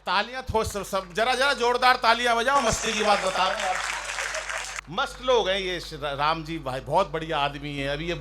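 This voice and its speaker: A man performing as a comic poet on stage, ribbing fellow poets and telling jokey stories in a loud, teasing manner. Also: high-pitched, normal speed, crowd noise, noisy background. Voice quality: loud, ribbing, storytelling with mock shouts. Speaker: stand-up poet. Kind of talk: humorous poetry recital banter. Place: outdoor stage by a river.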